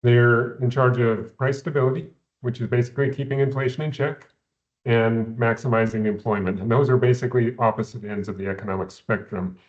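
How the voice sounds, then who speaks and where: A man, an investment adviser, explaining economics in a measured way, often repeating words at the start of phrases, heard over a video call. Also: mid-range voice, steady tone, muffled recording. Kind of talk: explaining economics in a recorded company Q&A.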